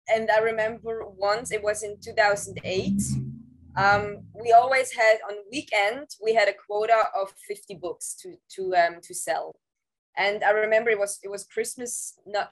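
A woman's voice: medium pitch, fairly even intonation, rough recording. Woman recounting her past over a video call. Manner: halting, with frequent restarts and "um" fillers. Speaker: interview guest, former Scientology staff member. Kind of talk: casual recounting of past experiences. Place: home room, indoors. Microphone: video call, laptop camera mic.

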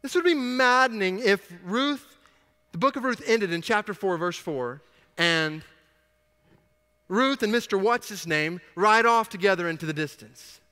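High bright voiced pastor preaching, gets real animated, big echoey church hall. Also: male voice, unhurried, clear, resonant tone. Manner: animated, acts out dialogue, swings from hushed to loud. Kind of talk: sermon.

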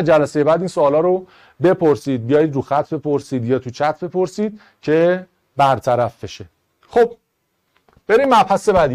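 A man teaching an online Arabic grammar class in Persian, going briskly through test answers and rules, step by step. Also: sits high. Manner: brisk, explaining step by step to students.

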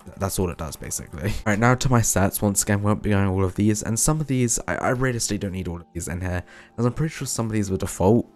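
Young guy talking fast thru his screen recording, deep-ish voice, lots of um and uh. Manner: quick, chatty, with fillers and self-corrections. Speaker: programming YouTuber. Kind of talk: casual screen-recorded walkthrough.

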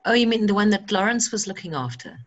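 A woman's voice: medium pitch, lively intonation, fast, dull audio. A woman leading an online workshop, encouraging and practical in tone. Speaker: workshop facilitator. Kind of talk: guiding an online seed-saving workshop.

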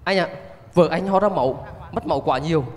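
A man's voice: on the high side, a little fast, lightly acted. A man playing an earnest doctor. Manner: calm, reassuring, earnest. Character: dedicated on-duty male doctor, adult. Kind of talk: amateur stage drama. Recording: reverberant hall.

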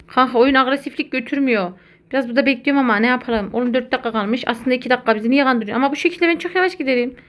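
A woman giving casual, excitable commentary while playing a video game, talking to her viewers as friends. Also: high-pitched, slight background noise. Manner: excitable, chatty, addresses viewers as buddies. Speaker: gaming content creator.

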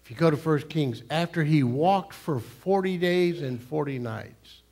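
An older man, a pastor preaching a sermon in a church sanctuary, swinging between loud emphasis and hushed, near-whispered lines. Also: a little high, measured pace. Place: church sanctuary, large room.

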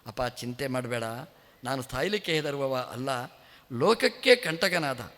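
Old selfless sage, voiced by a male preacher, mock-indignant then gentle, in a long-echo hall. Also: medium pitch, expressive, measured pace, pitched below the performer's own voice. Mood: calm. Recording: echoey temple hall.

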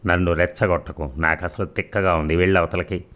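A man's voice: sits low, level tone, a little fast, fairly bright tone. A man reading the lines of a stern, proud mother who scolds curtly. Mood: curt, scolding. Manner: curt and scolding. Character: stern proud middle-aged mother, sharp-tongued.

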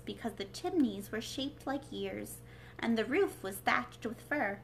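Reading a story to children on a home livestream, a young woman speaks in a high-leaning, pushed and bright voice from a small indoor living room. She is a bit away from the microphone, and faint noise runs underneath.

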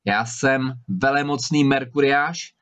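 Reading from a storybook, a man gives voice to a huge, menacing male spirit trapped in a bottle, who thunders threats and wails pleas. His own voice is medium-pitched, a bit bright, clean and natural, and the recording is slightly dull.

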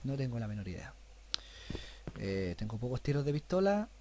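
A young man with a Chilean accent giving let's play commentary, cursing nonstop and breaking into panicked yells. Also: medium pitch, very animated, moderate pace, slight background noise. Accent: Chilean Spanish. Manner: swears constantly, bursts into panicked yelling. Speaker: gamer. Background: horror game music and sounds.

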